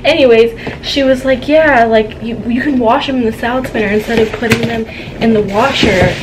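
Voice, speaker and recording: Seated in front of a tripod-mounted camera in a noisy room at home, a young woman talks through her haul in a chatty, giggly, gossipy way. She speaks fairly quickly in a somewhat high voice with fairly even intonation.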